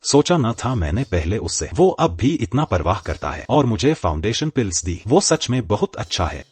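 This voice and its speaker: A man's voice: lowish voice, sing-song, moderate pace, a little mellow, husky, dry recording. A man voicing a loyal, cautious young disciple in a dubbed fantasy drama, earnest in tone. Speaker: sect disciple.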